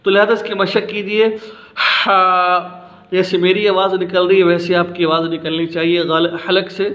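A man in his thirties gives an alphabet lesson for Quran reading, explaining patiently and drawing out each letter slowly so it can be repeated. His voice sits high for a man. The recording rings in an echoey room and sounds slightly dull and muffled. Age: 30s. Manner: slow, drawn-out letter pronunciations for repetition. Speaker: Quran teacher.

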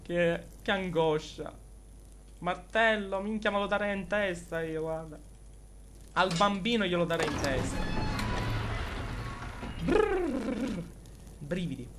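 A man's voice: sits high, lively intonation, slow, long pauses, over music. A young man from Sicily with a Sicilian Italian accent, commenting on a horror game while playing, nervous and swearing, joking with his viewers. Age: young adult. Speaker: gameplay commentator. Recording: noisy home recording.

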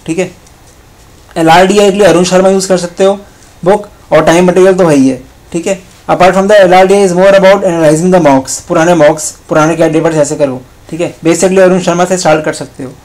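A man's voice: high voice, a little mellow, low-quality recording. A man with an Indian accent, a coaching founder talking students through a study plan in a direct, casual way, tagging his points with "okay". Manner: direct, mixes Hindi and English, keeps saying "okay". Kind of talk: casual advice talk to students.

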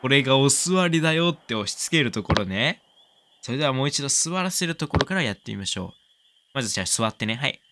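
A man doing casual let's-play commentary, excitable, exclaiming often and cooing at the pet. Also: medium pitch, fast talker, heavy background noise. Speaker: game commentator.

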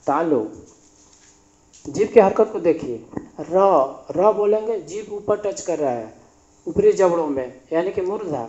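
A man with a fairly high voice teaches grammar at an unhurried pace. He repeats each sound patiently and asks the listener to say it back, like a classroom lesson. The recording is echoey and a little dull. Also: dark tone.

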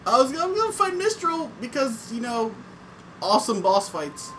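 A man's voice: extremely high pitch, moderate pace, a little hiss or hum. A young man co-hosting a let's play, chatting casually and laughing as he plays. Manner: lively, excitable, laughs often. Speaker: let's play co-host playing the game. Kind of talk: casual gaming chat.

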